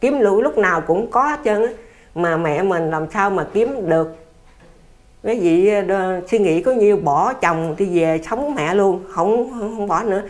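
A woman's voice: mid-range voice, lively intonation, unhurried. An older woman with a Southern Vietnamese accent, telling a story in a plain-spoken, earnest, repetitive way as an interviewee. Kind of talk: casual conversational storytelling.

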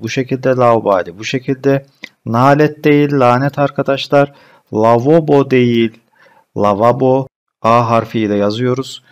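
A man teaching a spelling lesson, briskly correcting common misspellings word by word. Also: mid-range voice. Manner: addresses students as friends, brisk corrective explanations.

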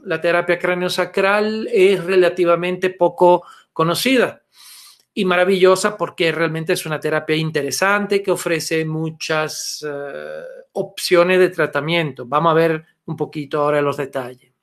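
A man's voice: sits high, a little slow, fairly bright tone. A middle-aged man from Italy, teaching a webinar on manual therapy through a webcam in a small room, explaining patiently with frequent "eh" and "okay" tags. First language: Italian. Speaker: therapy instructor. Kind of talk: webinar lecture. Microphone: webcam video call.

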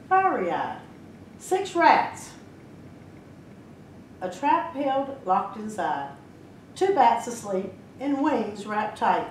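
A woman librarian reading a rhyming storybook aloud in a lively, expressive way, with small slips and restarts. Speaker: children's librarian. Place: library room. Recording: roomy echo, mic at a distance, faint rumble.

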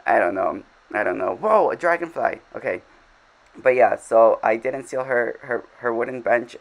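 A man's voice: medium pitch, creaky, poor audio. A man giving casual, rambling commentary over his game, full of fillers and self-deprecating asides. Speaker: game vlogger.

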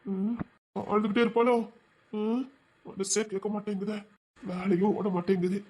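A man's voice: high-pitched, steady tone, moderate pace, a little mellow. A man playing a hurt young lover who curtly sends the woman away and later worries about her. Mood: worried. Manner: brusque, dismissive.

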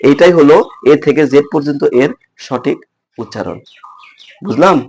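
Man, tutor, slightly higher voice, repeats and quizzes, classroom lesson. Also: moderate pace, a little mellow, husky.

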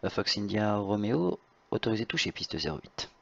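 Male sim tower controller: husky, fry-laden, hesitant procedural calls, muffled lo-fi audio. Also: fairly low pitch, very animated, normal speed, a bit bright. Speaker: tower air traffic controller in online flight simulation. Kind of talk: procedural radio instructions with informal asides. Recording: slightly dull lo-fi voice-chat audio.

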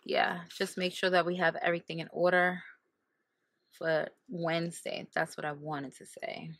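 A woman in her thirties vlogs from a car's passenger seat, chatting casually to a camera held at arm's length and often correcting herself mid-sentence. Her lowish voice is flat and fairly bright in tone at a moderate pace, and the recording is dry.

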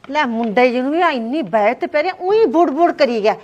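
A woman's voice: sits high, lively intonation, a little fast, darkish tone, dull audio. A woman as a fretful, sighing mother-in-law. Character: older village mother-in-law, fretful and kindly. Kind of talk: short film acting.

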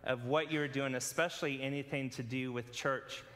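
A man from California preaching a casual sermon with a personal story, relaxed and conversational with many fillers. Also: mid-range voice, normal speed. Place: church sanctuary. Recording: long hall reverb.

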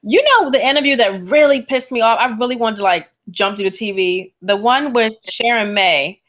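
Woman cohost, slightly high voice, laid back, lots of mm-hmms. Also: normal speed. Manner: relaxed, backchannels with frequent mm-hmms. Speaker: podcast co-host. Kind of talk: casual chat.

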